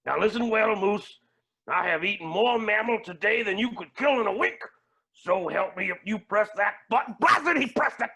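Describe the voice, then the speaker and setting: A man's voice: high voice, normal speed, creaky, pushed and bright, breathy edge, exaggerated voice. A man playing a scheming, gleeful villainous billionaire with theatrical, posh exclamations in a tabletop game. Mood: gloating.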